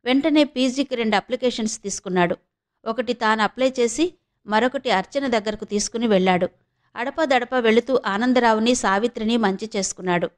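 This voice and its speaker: A woman from Visakhapatnam narrating a novel in a steady, expressive storytelling manner. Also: fairly high pitch, fairly quick. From India, Visakhapatnam. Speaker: audiobook narrator.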